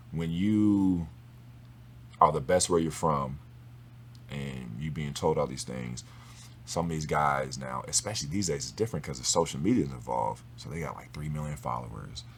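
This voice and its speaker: A man talking as a guest in a relaxed, casual conversation, slangy and swearing freely. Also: a bass voice, normal speed, a little hiss or hum. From Los Angeles area.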